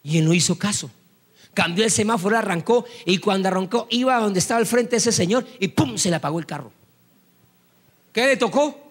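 A man preaching a sermon as pastor, telling stories and acting out voices before rising to loud praise. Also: high-pitched, fairly quick, big-room sound. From Colombia. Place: church hall.

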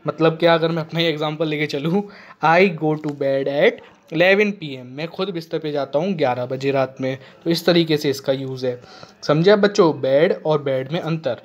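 A male teacher giving a classroom grammar lesson to children, often checking they follow and reading English examples slowly. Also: a little high, highs cut off. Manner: addresses children, frequent "ठीक है ना" checks, slow spelled-out English examples. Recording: echoey room.

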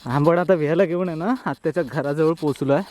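A man's voice: a little high, quick pace, no echo. A man in his thirties from Konkan, chatting casually as he vlogs a village visit with his little daughter. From Konkan, Maharashtra. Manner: chatty, talks to his small daughter in a lively sing-song. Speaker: vlogger. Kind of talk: casual walking vlog.

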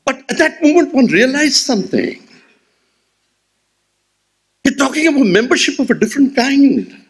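With a very high, husky voice at moderate speed, an Indian English-accented man in his sixties lectures in memory of someone from an auditorium podium. He is rhetorical and expressive, gesturing, and uses a gooseneck microphone.

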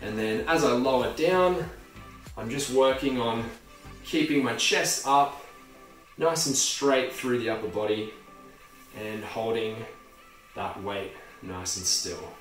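An Australian gym instructor in his twenties gives a casual home-workout tutorial from an indoor hallway, with a loose, friendly delivery and plenty of fillers. His mid-range voice is slow, with frequent pauses. Recorded on a camera mic that is sometimes close and sometimes across the room, the audio is echoey and distant at times, with faint music.

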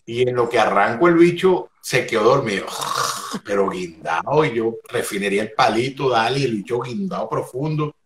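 A Venezuelan man telling a comic anecdote in an animated way, acting out shrieks and laughing often. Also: mid-range voice, moderate pace. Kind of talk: animated storytelling. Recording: echoey room, faint noise.

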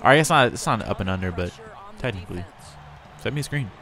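A man hosting a casual gameplay commentary, chatty and talking straight to his in-game players, with bursts of excitement. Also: on the low side, quick pace. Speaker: gamer and channel host.

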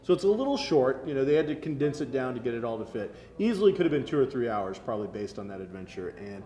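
Mellow and sing-song, his medium-pitched voice moving at a quick clip, an American man in his thirties chats through a casual review as co-host of a geek show. He sits at a table in a medium-sized room, explaining details enthusiastically, and the recording has roomy echo with faint background noise.

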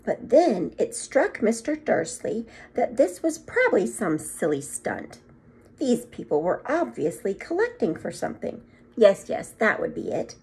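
A middle-aged woman with a fairly high, slightly rough voice reads to her second grade pupils at a measured pace. She performs the children's story with lively expression and short asides, speaking into a phone or tablet propped at arm's length in a small room at home.

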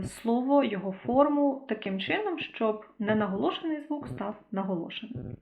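A young woman teaching a school language lesson for exam preparation. She explains patiently and fills pauses with small hesitations. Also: mid-range voice. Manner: patient and explanatory, with frequent fillers. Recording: phone-like narrow sound.

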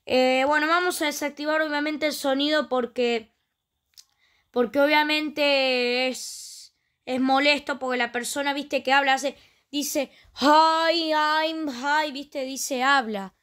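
A woman's voice: high-pitched, fairly even intonation, unhurried, a bit bright. A woman with a Rioplatense Spanish accent, chatting casually through a let's play and exclaiming often. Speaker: gaming channel host.

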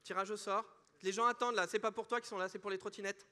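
A man hosting a prize draw live on a large stage, playful and animated like a game show host. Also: sits high, fast talker. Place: large conference hall stage, indoors.

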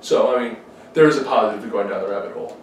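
A man's voice: on the low side, very fast. A young man co-hosting a podcast, rambling with many restarts in casual chat at a dining table. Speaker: podcast co-host. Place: dining room at night, around a table. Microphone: far camera. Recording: roomy, distant, faint hiss.

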